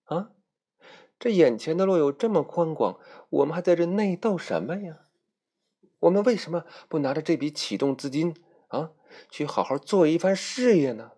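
A man doing a squeaky bossy little princess. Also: animated, normal speed, dark tone, slightly rough. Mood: rousing. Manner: giggly, teasing, then rousing like a leader. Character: chirpy clever young girl princess, playful and bossy.

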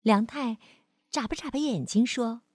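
A woman storyteller narrating a bedtime story for children, speaking gently and expressively and calling the listener "baby". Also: a little high, measured pace, slightly rough, dry recording, studio quality.

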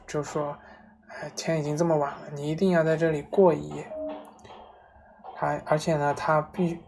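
A woman casually retelling a story aloud, relaxed, with frequent fillers and restarts. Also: low voice, slight background noise.

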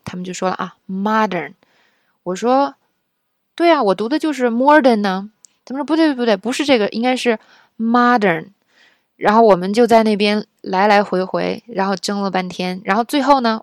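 With clean studio sound and no room sound, a mid-range female voice teaches English pronunciation. She is from China and keeps the lesson casual, patiently explaining things while frequently checking in with whoever is listening.

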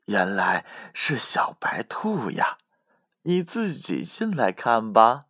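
A man voicing a kind, elderly grandmother goat in a soft, breathy whisper for a children's story. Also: on the low side, big pitch swings, slow pace, dry recording, clean studio sound, exaggerated voice. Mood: welcoming.

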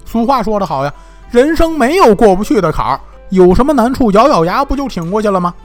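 A man's voice: high voice, very animated, a little fast, faint music behind. A male storyteller voicing a distraught, indignant man who scolds the people who cut him down from a noose. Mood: ranting. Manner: scolding, rambling, exasperated. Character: distraught man at a hanging tree, indignant and long-winded.

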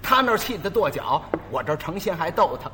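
A man performing a traditional solo comic story, lively and chuckling as he acts out the characters. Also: on the high side, fast, in a large hall, background noise.

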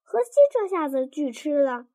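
A woman tells a first-person story aloud with playful, animated delivery. Her voice is high and swings widely in pitch. The sound is dry and close, with faint music underneath. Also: moderate pace, no echo. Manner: animated, playful voicing of scenes. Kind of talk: expressive story reading.

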